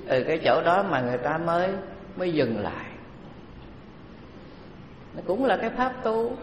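A man giving a Buddhist dharma talk, unhurried and conversational, with many pauses. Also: on the high side, very animated, dull audio, slight background noise. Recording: echoey hall, faint background ambience.

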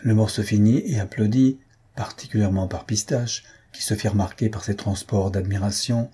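A man narrating a comic story for an audiobook, steady and even. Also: lowish voice, moderate pace, slightly rough.

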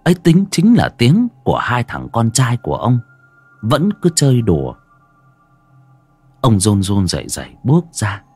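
Slow, husky-voiced horror storyteller, a man. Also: medium pitch, wildly swooping pitch, no room sound, faint music behind. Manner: dramatic, suspenseful pacing with sharp drops and rises.

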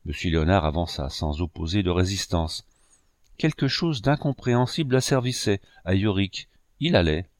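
A man giving a measured, solemn audiobook narration of a novel. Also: sits low, dry recording, clean studio sound. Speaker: audiobook reader.

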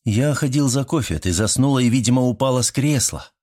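A man voicing a gentle, caring young man. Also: mid-range voice, a little fast, voice pushed up, natural voice. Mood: soothing. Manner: soothing, soft-spoken. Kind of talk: audiobook character voice.

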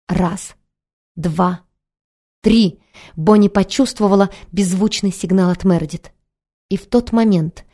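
Female audiobook narrator with a low, mellow voice and steady, measured reading.

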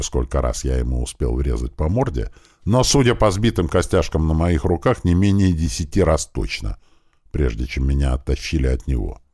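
A man's voice: rumbling low, darkish tone, no echo, studio quality. A man narrating a first-person audiobook in a dramatic, emphatic reading style.

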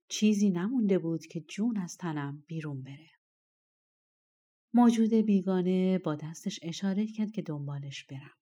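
A woman narrating a fairy tale audiobook with a measured, expressive reading. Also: medium pitch. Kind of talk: storytelling narration.

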